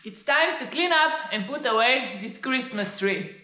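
A woman's voice: fairly high pitch, animated, a little slow, pushed and bright, a little hiss or hum. A Slovenian woman, a native Slovene speaker, chattily talking herself through her chores in casual English self-narration, with frequent exclamations. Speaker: vlogger narrating her own home projects.

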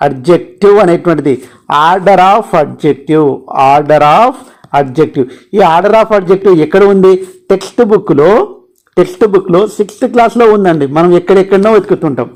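A man's voice: high voice, normal speed, darkish tone. A man with a Telugu accent teaching an exam-prep grammar lesson, emphatic and repeating key terms. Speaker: English teacher for exam aspirants.

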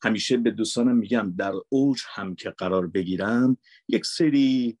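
A man's voice: fairly low pitch, a little mellow, dry recording. A man with a Mashhadi Persian accent, a voice actor, answering interview questions earnestly and emphatically. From Mashhad, Iran. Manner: earnest, emphatic, repeats for stress. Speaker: voice actor and dubber.

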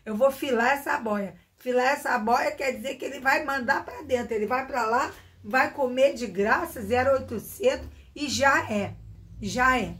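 A woman with a Carioca accent chats casually in a high, bright voice. She repeats key phrases and performs quoted sayings as she explains them to her listeners. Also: a little slow. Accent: Carioca Brazilian Portuguese. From Rio de Janeiro, Brazil. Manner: repetitive, chatty, acts out quoted phrases with rising pitch. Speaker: pastor and content creator. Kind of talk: casual explanatory chat about slang.

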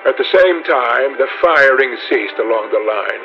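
A man reading a classic novel aloud as an audiobook narrator, in a measured, even storytelling manner. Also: mid-range voice, dull audio, soft background music.

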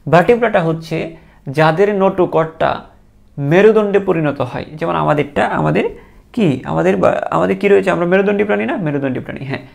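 A man teaching a biology class, patiently quizzing students and repeating terms slowly so they can echo them. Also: high voice, creaky. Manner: patient, encouraging. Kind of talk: classroom lecture.

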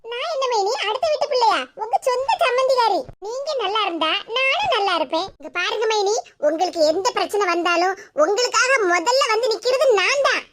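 A woman's voice: very high-pitched, animated, fairly quick, few pauses, a bit bright, slight background noise. A woman voicing a talkative young co-mother-in-law who reasons at length, in a cartoon, with a Kanyakumari Tamil accent. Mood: chatty reasoning. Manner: talkative, explains at length, laughing.

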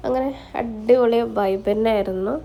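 Woman vlogger, slightly high voice, English mixed in. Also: steady tone, moderate pace. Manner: mixes English words into Malayalam. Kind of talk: casual vlog narration.

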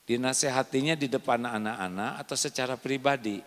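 An Indonesian man preaching a sermon to a live congregation, quizzing the listeners and swinging between soft explanation and loud emphatic points. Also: medium pitch, fairly quick, long reverb tail, a little hiss or hum.

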